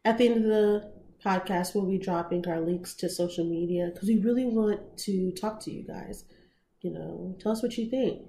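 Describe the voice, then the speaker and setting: A woman in her twenties co-hosting a podcast, chatty and quick to laugh. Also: medium pitch, warm tone. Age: 20s. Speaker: podcast co-host. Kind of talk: casual chat. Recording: echoey room, faint background noise.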